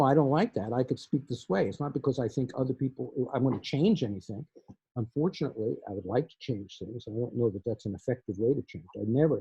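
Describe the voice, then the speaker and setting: An older man speaks with a mellow, slightly husky voice, circling his points with restarts and repeated words. The sound is dry and dull, like audio from a video call. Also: mid-range voice, no room sound. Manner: thoughtful, halting, many restarts and repeated words. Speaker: poet in conversation. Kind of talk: conversational interview.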